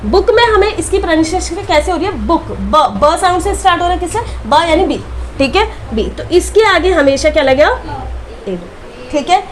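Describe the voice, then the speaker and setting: Woman, high voice, grammar teacher, quizzing students, faint background noise. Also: expressive, normal speed. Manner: repeats key words as quiz questions to students. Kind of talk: classroom grammar lesson.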